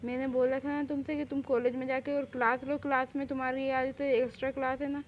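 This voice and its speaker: A woman's voice: high voice, flat delivery, quick pace, slight background noise, lightly acted. A young woman voicing an arrogant woman boss who scolds and threatens a younger girl in a haughty tone. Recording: dull lo-fi recording.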